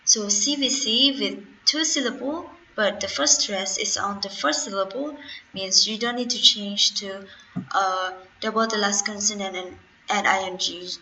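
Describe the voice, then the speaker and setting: A woman's voice: medium pitch, measured pace, pushed and bright, slight background noise, rough recording. A young woman with a Khmer accent teaching an English grammar lesson, patiently spelling out letters and explaining rules step by step. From Cambodia.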